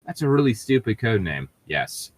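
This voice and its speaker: Co-hosting, a man reads a fan fiction story aloud in a low, sing-song voice at a moderate pace. He keeps breaking off the narration for sarcastic, sweary and irreverent commentary mocking the text. The recording is dry.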